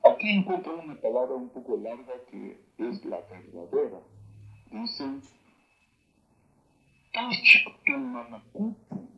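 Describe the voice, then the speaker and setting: A man teaching words of an old local language, saying each word slowly and loudly and then explaining its meaning. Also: medium pitch, sing-song, dull audio. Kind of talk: spoken vocabulary lesson.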